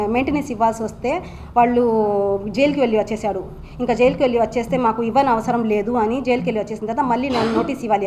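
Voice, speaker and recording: Young woman with a Nellore Telugu accent, aggrieved press statement, high voice, rapid delivery. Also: dark tone, slight background noise. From Andhra Pradesh, India. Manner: urgent, aggrieved, many restarts and repeats. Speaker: wife speaking at a press meet.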